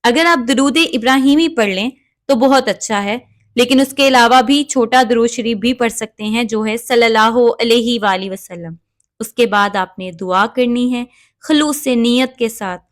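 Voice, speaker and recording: A woman giving calm, measured step-by-step prayer instruction and reciting Arabic prayers along the way. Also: a little high. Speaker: religious instructor.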